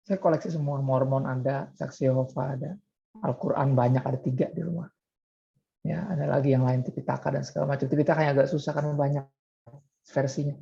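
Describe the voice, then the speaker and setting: A man's voice: medium pitch, gravelly, warm tone, muffled recording. A man preaching a sermon as pastor in a conversational way, often throwing rhetorical questions to the congregation.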